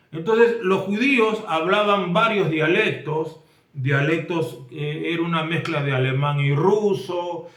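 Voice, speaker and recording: A man with a Peruvian accent preaching a sermon as a pastor, emphatic and addressing the congregation directly. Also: fairly high pitch. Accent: Peruvian Spanish. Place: church hall. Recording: echoey room, voice from far off.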